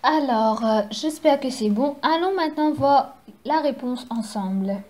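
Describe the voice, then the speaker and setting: A woman teacher giving a recorded lesson from home, explaining slowly and carefully to young children. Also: high voice, a little mellow, slight background noise. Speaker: primary school teacher.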